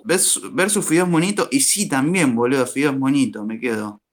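A man's voice: mid-range voice, moderate pace, slight background noise. A young man with an Argentine accent co-hosting a casual radio chat show, playful and slangy. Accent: Argentine Spanish. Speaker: radio co-host.

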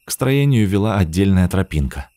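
Deep-voiced man narrating a story. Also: big pitch swings, normal speed, mellow, dry recording, clean studio sound. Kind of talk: audiobook narration.

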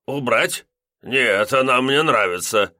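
A man's voice: mid-range voice, lively intonation, slow pace, pushed and bright, dry recording, studio quality, voice pushed up. A man voicing a drunk, giggling heavyset lodger who talks in a silly, drawling way. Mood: tipsy.

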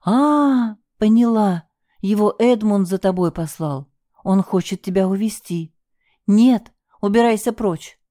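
A woman's voice: unhurried, mellow, no echo, studio quality, natural voice. A woman voicing a hysterical, frightened young wife who pleads and sobs. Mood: frantic. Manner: sobbing, shrill pleading.

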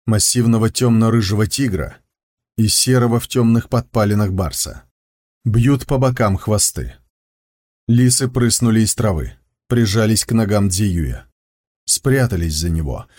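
A man reading an audiobook with steady, measured scripted narration. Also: fairly low pitch.

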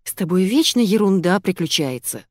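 A woman voicing a sharp-tongued young woman who drawls and scolds. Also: lowish voice, animated, normal speed, no room sound, studio quality. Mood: scolding.

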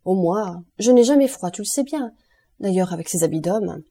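A woman reading an audiobook and voicing a bold, daring young woman who speaks briskly and confidently. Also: mid-range voice, lively intonation, dark tone.

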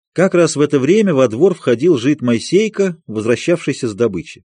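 A man narrating a classic novel as an audiobook reader, expressive and measured. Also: mid-range voice, dry recording. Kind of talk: scripted literary narration.

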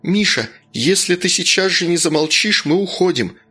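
A woman's voice: low voice, animated, measured pace, breathy edge, faint music behind, pitched above the performer's own voice, exaggerated voice. A man voicing a strict young mother who barks orders like a stern teacher. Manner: commanding, clipped orders.

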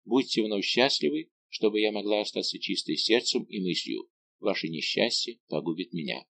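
A man reading an audiobook voices a young noblewoman who speaks softly and earnestly. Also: lowish voice, lively intonation, normal speed, vocal fry, no echo. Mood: tender. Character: young noblewoman, tender and resolute.

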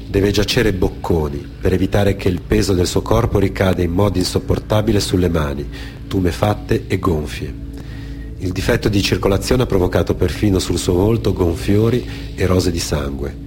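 At a moderate pace, a low-voiced man from Genoa, Italy, performs dramatic storytelling on radio as theatre storyteller and author-performer. Reflective and at times halting to repeat phrases, he alternates improvised anecdotes with read testimony, with music behind his voice.

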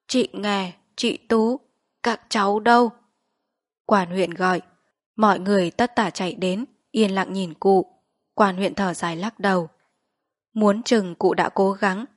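A woman narrating a literary short story in a measured, steady reading voice. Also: medium pitch, no room sound, clean studio sound.

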